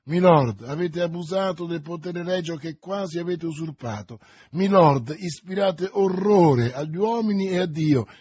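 A man's voice: fairly high pitch, expressive, measured pace, a little mellow, slightly rough, no room sound. A man voicing a grave, insistent young male zealot who confronts a duke with solemn, rising intensity. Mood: fierce accusing. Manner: solemn, pleading, rising to fierce.

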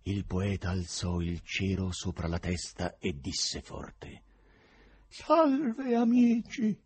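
A man reading a novel aloud as audiobook narration, in an expressive literary style. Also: low-pitched, slow pace, slightly rough. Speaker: audiobook reader.

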